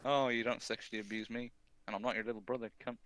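A man's voice: medium pitch, flat delivery, fast talker. A man teasing and directing the others from off-camera with a mocking, laughing manner. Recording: noticeable background noise, off-mic.

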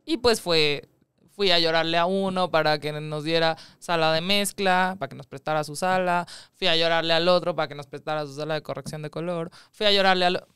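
Mexican woman in her thirties, a film producer recounting her early career in a relaxed interview. Her voice is very crisp and clean, recorded dry and close. She tells it with animated energy, slipping into other people's voices. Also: low-pitched, fairly quick, no room sound. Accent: Mexican Spanish. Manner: animated storytelling, acts out quoted voices. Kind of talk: casual interview chat.

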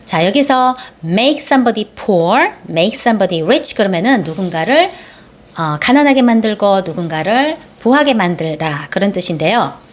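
A woman's voice: medium pitch, expressive, a little slow. A Korean woman teaching English through Bible verses, explaining grammar and pronunciation and patiently stretching out model phrases for listeners to repeat. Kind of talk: slow instructional English lesson.

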